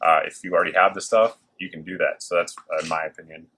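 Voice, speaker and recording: Deep-voiced enthusiastic man, factory machine noise behind. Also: fairly even intonation, fast, pushed and bright. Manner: enthusiastic, informal. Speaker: host of a gear review video. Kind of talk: casual product showcase to camera. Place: working gear factory. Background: working machines and clicks.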